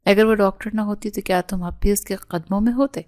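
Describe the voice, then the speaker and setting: A woman's voice: mid-range voice, fairly even intonation, darkish tone, natural voice. A woman reading the lines of a stern, sarcastic older head of the family.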